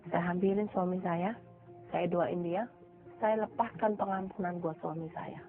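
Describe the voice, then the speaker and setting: A woman's voice: on the low side, steady tone, a little slow. A middle-aged woman telling an emotional, heartfelt personal testimony in an interview. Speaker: testimony speaker. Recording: tinny phone-like sound with faint music.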